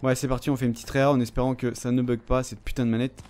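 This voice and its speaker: A man's voice: mid-range voice, flat delivery, very fast, darkish tone. A young man giving casual gameplay commentary, rambling with lots of fillers and frequent swearing. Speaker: gamer.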